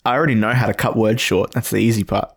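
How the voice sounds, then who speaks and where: A man's voice: fairly low pitch, fairly even intonation, fast talker, vocal fry, husky. A man co-hosting a casual podcast, joking and rambling, a bit nasal today. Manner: joking, rambling, laughs often. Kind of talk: casual banter.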